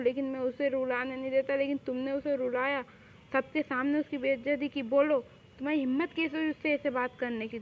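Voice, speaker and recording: A loud, protective young man scolds without letting up, as a young woman puts him on. Her high voice barks out short demands and stays bright above a dull, lo-fi sound. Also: slight background noise, natural voice. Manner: shouting, scolding. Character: possessive angry young man. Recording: dull lo-fi recording.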